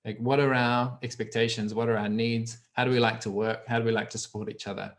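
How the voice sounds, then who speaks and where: A man's voice: medium pitch, little pitch movement, fast. Kiwi guy on a video call, trainer, rambles and restarts his sentences. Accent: New Zealand. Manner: meandering, restarts phrases as he thinks. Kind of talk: casual explanation on a group call.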